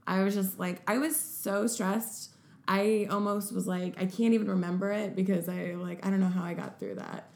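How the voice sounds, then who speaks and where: A young woman talks in a relaxed, upbeat way, her voice slipping into a gravelly fry. Her speech is loose and full of filler words. The room adds a noticeable echo. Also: mid-range voice, moderate pace. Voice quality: upbeat, casual, filler-heavy. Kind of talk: casual chat. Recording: echoey room.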